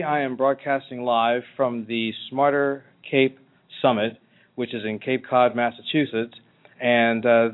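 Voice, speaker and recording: A man hosting a talk radio interview in a halting, conversational way. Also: medium pitch. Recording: tinny phone-like internet radio line.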